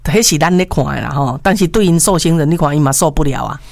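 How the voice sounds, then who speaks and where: A woman's voice: deep voice, quick pace, gravelly, darkish tone, no echo, studio quality. A woman with a Taiwanese accent co-hosting a casual radio chat, speaking colloquially and emphatically with repeated phrases and frequent tag particles. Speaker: radio co-host. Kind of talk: casual call-in radio chat mixing Mandarin and Taiwanese Hokkien.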